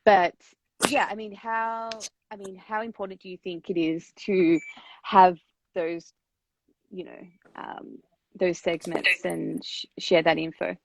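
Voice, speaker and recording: A woman's voice: lowish voice, fairly even intonation, slow, vocal fry, slight background noise. A woman interviewing a guest over a video call, her voice cutting in and out on a bad connection while she hesitates with many fillers. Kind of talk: casual interview chat. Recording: dull, lo-fi video call audio.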